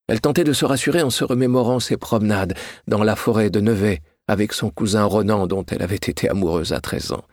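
Low-voiced male audiobook narrator. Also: no echo, clean studio sound. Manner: measured, descriptive storytelling.

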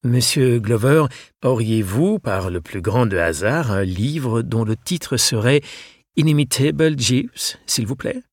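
A man's voice: mid-range voice, lively intonation, takes it slowly, slightly rough, no echo, clean studio sound. A man voicing a polite young Frenchman who speaks a little hesitantly. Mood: polite, puzzled.

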